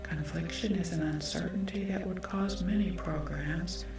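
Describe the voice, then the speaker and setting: A woman's voice: fairly low pitch, steady tone, moderate pace, close to an everyday voice. A woman voicing an omnipotent AI android in an ASMR role-play, robotic, cold, formal and detached. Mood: cold, measured. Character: omnipotent female android AI from the future, cold, superior. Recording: long echo, distant, music behind.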